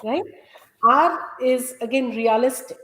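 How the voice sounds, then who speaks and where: A Gujarati-speaking woman from India, a health coach, explains her ideas earnestly as a guest in a conversational interview, keeping a steady teaching tone. Her voice is a little high and her pace measured, in an echoey room.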